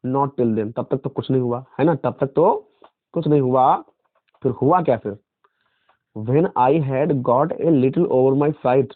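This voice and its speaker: A male English teacher explaining a story line by line, reading each English phrase slowly and repeating it in Hindi, and calling his students "beta". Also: fairly high pitch, dry recording. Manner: calls students "beta" and "friends". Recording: tinny phone-like audio, dry.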